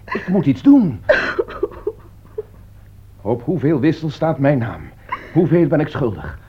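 An actor playing a worried middle-aged doctor and family head in a radio play, speaking gravely and wearily. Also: male voice, a little high, big pitch swings, a little hiss or hum. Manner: grave, weary and measured. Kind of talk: radio drama acting. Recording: dull lo-fi radio recording.

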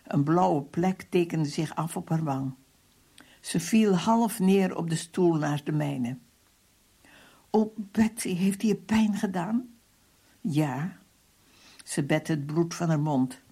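A reader telling a first-person story for radio in a calm, measured way. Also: medium pitch, vocal fry. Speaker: reader of a book.

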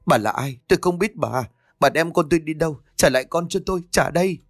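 A man's voice: normal speed, dry recording, clean studio sound, soft background music, natural voice. A man voicing a terrified young pregnant wife who pleads in a frantic, raised voice. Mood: hysterical. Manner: frantic, high-pitched pleading.

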